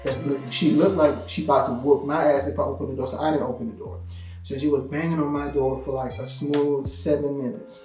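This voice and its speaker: A man's voice: mid-range voice, fairly quick. A man vlogger telling a story in a casual, slangy way, full of "like" fillers. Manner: animated, slangy, lots of "like" fillers. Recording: roomy echo with faint music.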